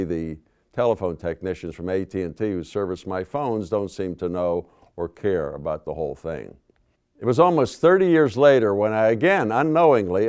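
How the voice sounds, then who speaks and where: Older guy telling a story at a forum, low voice, smooth and clean, dry and measured. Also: darkish tone. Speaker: speaker at a public forum. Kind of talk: recounting a personal story.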